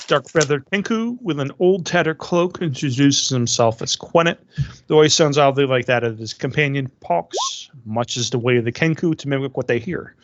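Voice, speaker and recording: A man's voice: mid-range voice, moderate pace, noisy background. A man narrating a tabletop game as game master, moving between hesitant improvising and reading out prepared description. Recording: dull, dry, lo-fi voice-chat sound.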